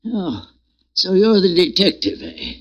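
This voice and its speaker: A man's voice: high-pitched, huge pitch swings, measured pace, highs cut off, full character voice. An actor playing a frail, wicked, bedridden old man in a 1940s-style radio drama, rambling and wheezing. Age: older. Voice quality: gravelly, quavering.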